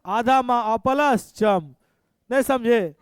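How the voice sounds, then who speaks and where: A male teacher runs through exam questions, coaxing and repeating each answer. His voice sits very high, smooth and resonant. The sound is close and dry. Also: slow pace, dry recording. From Bihar, India. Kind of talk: exam-prep lesson.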